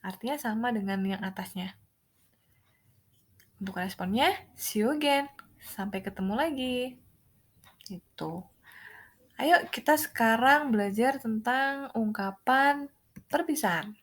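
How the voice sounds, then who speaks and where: Lady teacher going through english phrases slowly, highish voice, translating as she goes. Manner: explains each phrase, then translates it; reads the example English phrases aloud. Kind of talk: classroom lesson.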